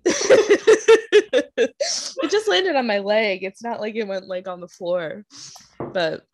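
A young woman chats on a casual podcast with a mid-pitched voice. She giggles often and rambles with fillers as she talks. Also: fairly even intonation, normal speed, a little hiss or hum. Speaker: podcast co-host.

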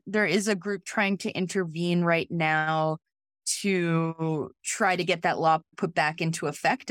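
A woman's voice: lowish voice, no room sound, studio quality. Woman casually explaining legal matters. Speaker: legal expert guest. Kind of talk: podcast conversation.

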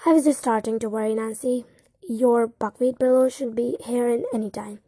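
Audiobook figure: eager, helpful male butler, read by a woman, fairly high and mellow. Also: steady tone, normal speed, no room sound. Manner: bright, eager to help. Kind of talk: audiobook character voice.

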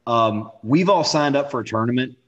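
A man co-hosting a casual podcast chat, relaxed and quick to laugh. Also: medium pitch, lo-fi sound. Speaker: podcast co-host.

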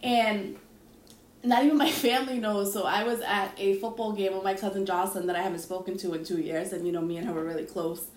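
A young woman hosting a casual podcast chat, telling a story with lively quoted voices. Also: medium pitch, fast. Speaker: podcast host. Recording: echoey room with faint hiss.

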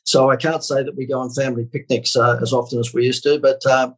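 A man's voice: medium pitch, little pitch movement, fast talker, breathy edge, low-quality recording. An Australian man in his fifties, a marketing guest in a casual podcast interview, joking and salesy with a dry sarcastic streak.

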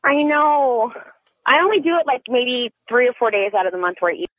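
A woman's voice: fairly high pitch, animated, brisk, no echo. A woman calling in to a radio show, hesitant, unsure and giggly. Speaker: caller. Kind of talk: call-in radio conversation. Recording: tinny dry phone line.

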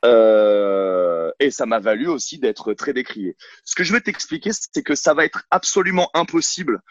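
A blunt, outspoken man speaks as a coach in a casual interview, often stumbling and restarting mid-sentence. His voice sits at a middle pitch. The sound is dry and a little dull, as if recorded on a camera at home. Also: expressive, moderate pace, no echo. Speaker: CrossFit coach, podcast guest. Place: at home on a couch, filming himself. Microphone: camera mic.

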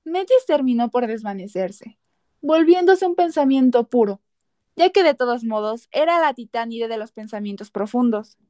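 A woman's voice: fairly high pitch, expressive, moderate pace, warm tone, no room sound, clean studio sound. A woman narrating a scripted story dramatically as a podcast narrator.

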